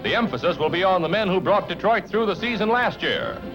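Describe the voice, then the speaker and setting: A man narrating an old 1950s newsreel in a brisk, punchy announcer style. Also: sits high, sing-song, low-quality recording. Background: loud music.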